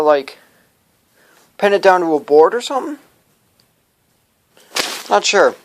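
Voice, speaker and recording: Rambling higher-voiced young man vlogging. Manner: rambling, self-correcting, stumbles over words. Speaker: hobby collector showing his collection. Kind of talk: casual show-and-tell vlog.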